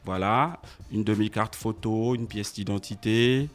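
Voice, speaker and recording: Man, agency representative, radio interview, measured explanations, hesitant. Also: on the low side. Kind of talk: informative interview answers. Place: radio studio.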